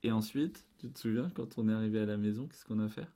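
Patient man prompting questions, mellow voice. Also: fairly low pitch, fast. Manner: translates English into French. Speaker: podcast co-host and parent. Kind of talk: casual family podcast chat. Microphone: desk podcast microphone.

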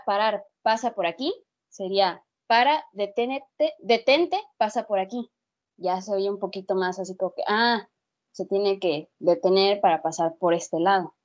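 A woman co-hosting a casual educational podcast, explaining lively with spoken examples. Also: medium pitch. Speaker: podcast co-host. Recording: dull lo-fi sound.

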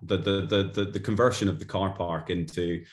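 A man's voice: low voice, steady tone, normal speed. A Glaswegian man, a podcast guest who stumbles and repeats words as he starts his sentences. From Glasgow, Scotland. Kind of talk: casual podcast interview. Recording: roomy echo.

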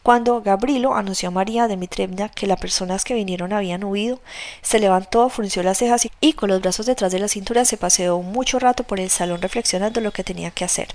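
A woman narrating a novel as an audiobook, reading in a measured, steady way. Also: medium pitch, no room sound.

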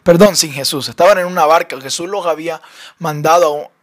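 A young man with a Colombian accent, animated and often laughing as he tells his own story for his podcast. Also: on the high side, a little fast. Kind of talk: personal testimony storytelling.

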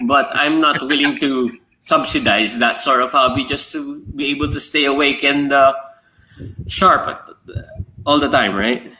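A man's voice: mid-range voice, steady tone, unhurried, bright, forceful tone, slight background noise, low-quality recording. A man chatting casually as a podcast co-host. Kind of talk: casual chat.

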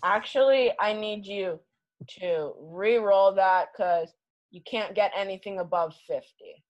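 A woman acting as game master, narrating a tabletop game casually in a halting, improvised way. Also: mid-range voice, highs cut off.

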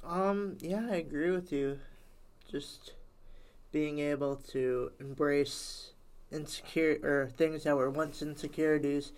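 A man chatting casually as a podcast co-host, giving agreeable, measured replies. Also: on the high side, steady tone, a little mellow. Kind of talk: casual chat.

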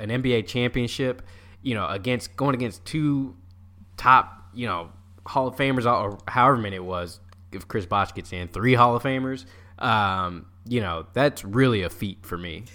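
This is a man with an average-pitched voice chatting casually about sports. He talks informally and a little haltingly, often repeating a word before he lands the thought. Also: a bit bright. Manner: informal, halting, repeats words while thinking. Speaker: sports podcast co-host.

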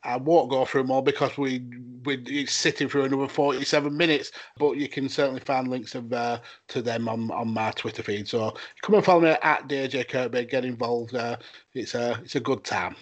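A man's voice: medium pitch, steady tone, fairly quick. A man with a northern English Lancashire accent, chatting casually on a podcast. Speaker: podcast co-host.

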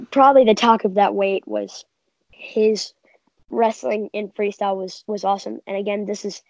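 A woman's voice: medium pitch, no echo, rough recording. A woman co-hosting a casual sports chat, giving confident, opinionated picks. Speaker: podcast co-host.

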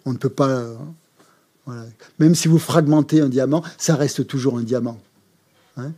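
Male Buddhist teacher, mellow voice, halting course delivery. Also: medium pitch, breathy edge. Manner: hesitant, frequent fillers and repeated words. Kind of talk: explaining a mantra in a course.

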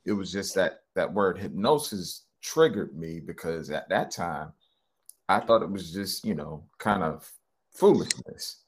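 A man's voice: low-pitched, lively intonation, measured pace, slight background noise. A middle-aged man, a hypnotherapist being interviewed, talking casually and rambling with lots of ums and restarts. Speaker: hypnotherapist guest.

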